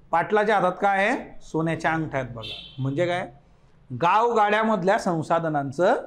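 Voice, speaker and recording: High-pitched guy teaching lit, reads a passage out then explains it bit by bit. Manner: explains line by line, often addresses the class as 'friends'; reads passages aloud then comments on them. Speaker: literature teacher. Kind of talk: exam-prep lecture on a short story.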